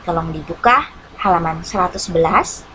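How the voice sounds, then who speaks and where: A woman teacher with an Indonesian accent, giving an online English lesson and translating each English line into Indonesian, with frequent hmm pauses. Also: fairly low pitch, a bit bright, a little hiss or hum, low-quality recording. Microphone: computer mic on a screen-shared video lesson.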